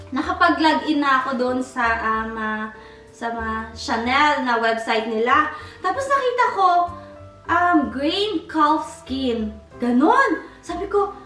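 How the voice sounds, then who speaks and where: Woman vlogger from the Philippines, chatty and excitable, high voice, slightly distant and echoey. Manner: chatty, excitable, mixes English into her talk. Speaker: vlogger unboxing a handbag. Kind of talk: casual chat to camera. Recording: roomy, a bit off-mic, soft music behind.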